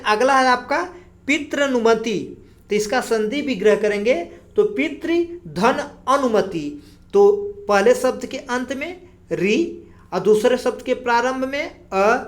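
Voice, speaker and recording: A woman teacher explaining grammar slowly for exam preparation, drawing out single sounds as she goes. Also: on the high side. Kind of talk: exam-prep grammar lesson.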